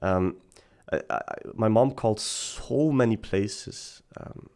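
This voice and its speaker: A young man speaking unscripted, halting and repeating words as he tells a personal story, tearful at times. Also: fairly low pitch, a little mellow. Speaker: vlogger.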